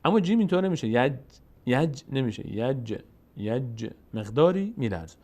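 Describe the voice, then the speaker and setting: Man teaching slow chanted Quran reading. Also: on the high side, very animated, darkish tone. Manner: alternates drawn-out chanted syllables with quick spoken explanations. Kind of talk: tajweed lesson, spelling out and chanting verses slowly.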